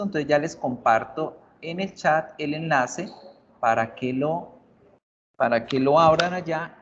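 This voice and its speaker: A man teaching an online English class, explaining slowly and patiently and repeating model words over a video-call mic. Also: a little high. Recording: slightly dull lo-fi sound with faint noise.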